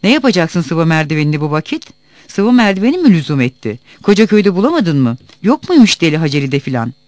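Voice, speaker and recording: A man voicing a flustered, sharp-tongued old village woman who scolds indignantly. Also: on the high side, sing-song, fast, no room sound.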